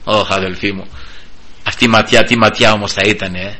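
A fervent male preacher with a bright voice and fairly even intonation delivers a sermon. He swings sharply up and down in pitch and volume, halts and restarts, and constantly calls his listeners brothers.

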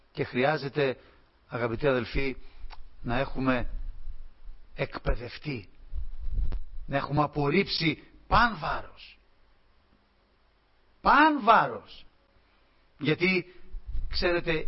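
Fervent preacher man, lo-fi sound. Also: medium pitch. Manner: fervent, with dramatic shouted calls and slow emphatic repeats. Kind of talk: sermon. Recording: dull lo-fi recording.

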